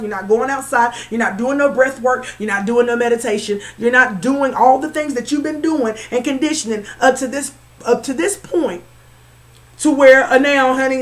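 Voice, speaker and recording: Woman, high-pitched tarot reader; chatty, repetitive, keeps checking in with viewers. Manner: bursts into laughter at herself. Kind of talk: spiritual tarot reading to camera.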